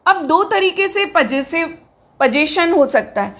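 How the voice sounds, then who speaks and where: A woman with a high voice teaches an English grammar lesson in a slow, measured way. She blends Hindi with English terms and often asks the class a question before answering it herself. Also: lively intonation, fairly bright tone.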